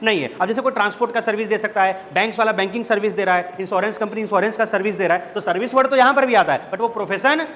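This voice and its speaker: A man's voice: high-pitched, racing, few pauses, a bit bright. A male teacher giving a classroom lecture, mixing Hindi with English terms and asking questions he answers himself. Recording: long reverb, faint background noise.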